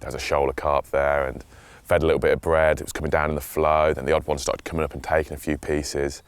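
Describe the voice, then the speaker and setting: A man's voice: extremely low pitch, flat delivery, fast talker, clear, resonant tone, no room sound. A young man who grew up in Switzerland, talking casually and enthusiastically as an angler, rambling with restarts. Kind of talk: casual outdoor chat and voice-over.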